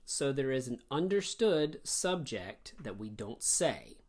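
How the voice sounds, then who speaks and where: A man's voice: mid-range voice, slow pace, husky. Guy teaching english grammar online, voice jumps up and down a lot, walks through it step by step. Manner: animated, explains step by step.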